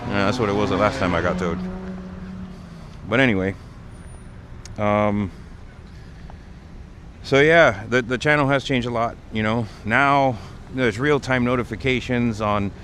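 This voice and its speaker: A man with a fairly low, slightly bright voice speaks at a measured pace, pausing often. He's hosting a casual livestream out on a city street, explaining things conversationally. Traffic, passing vehicles, and urban ambience fill the background.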